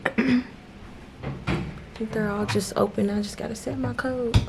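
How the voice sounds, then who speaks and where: A woman's voice: on the high side, fairly even intonation, measured pace, gravelly. A woman in her twenties chatting casually to her vlog at the gym. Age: 20s. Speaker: vlogger. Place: in a gym, partly in its locker room. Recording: loud ambient noise behind.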